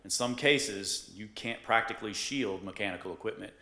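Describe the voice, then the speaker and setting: A man presenting a code violation case to a board, polite and halting, answering with ma'am. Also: fairly low pitch, bright, forceful tone. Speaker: code enforcement officer. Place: council chambers. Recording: echoey chamber.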